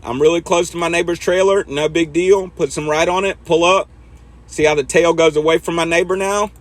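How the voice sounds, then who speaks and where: A man's voice: fairly high pitch, steady tone, brisk, dry recording. A man talking casually through a trucking simulator as he teaches backing, laid-back and chatting to himself as he drives. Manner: laid-back, talks to himself while driving. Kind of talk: casual instructional commentary over gameplay.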